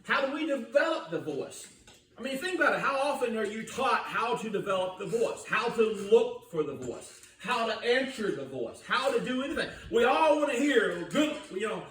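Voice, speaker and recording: A man's voice: very high-pitched, very animated, moderate pace, a bit bright. An older man preaching a sermon in a folksy, storytelling way, often asking the congregation questions. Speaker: pastor. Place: church sanctuary. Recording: roomy church recording from a distance.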